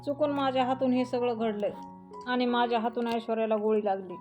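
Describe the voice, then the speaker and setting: A woman's voice: fairly high pitch, steady tone, fairly quick, over music, lightly acted. A woman voicing a young woman accused of an attack, insistently pleading her innocence, in a plain reading voice.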